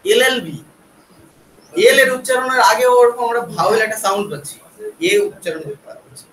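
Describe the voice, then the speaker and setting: A man teaching English grammar to a class, explaining patiently, spelling words out letter by letter and checking understanding with quick questions. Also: very high-pitched, animated, a bit bright. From West Bengal, India. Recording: echoey classroom from far off, faint background noise.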